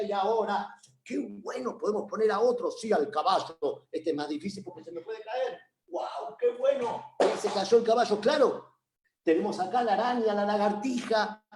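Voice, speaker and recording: Male lecturer, Rioplatense accent, fairly high voice, acts out scenes then reflects slowly; roomy echo. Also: darkish tone. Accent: Rioplatense Spanish. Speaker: child psychologist giving a lecture. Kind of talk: recounting a therapy session in a lecture.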